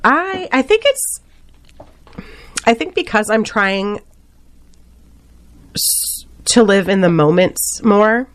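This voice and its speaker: Female radio guest, faint Boston accent, chatterbox, lively and laughing. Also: mid-range voice, slow, pauses often. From Boston area. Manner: animated chatterbox, laughs often, full of fillers. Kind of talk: chatty interview conversation.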